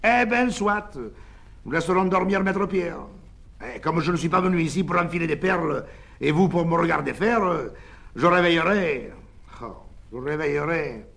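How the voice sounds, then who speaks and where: A man's voice: on the high side, animated, normal speed, creaky, a bit bright, pitched above the performer's own voice. A man voicing a jovial, theatrical village doctor who banters with townsfolk.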